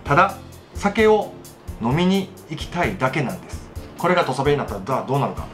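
A man's voice: medium pitch, sing-song, brisk, faint music behind. A man with a Kochi Tosa accent hosting a casual solo radio talk, chatty and self-mocking as he demonstrates dialect phrases. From Kochi, Japan. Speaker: radio show host, voice actor.

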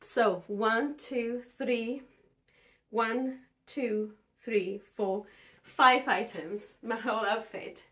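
A woman sewing vlogger, hoarse from a cold, chatting casually about her projects in a rambling way with fillers and restarts. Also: on the high side, very slow, bright, forceful tone. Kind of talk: casual chat.

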